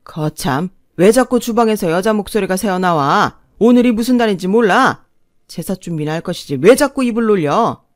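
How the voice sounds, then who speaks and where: A stern older father-in-law bellows and lectures with total authority, voiced by a woman. He talks down loud and heavy. The recording is close and dry. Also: medium pitch, animated, moderate pace, dry recording, close to an everyday voice. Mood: scolding.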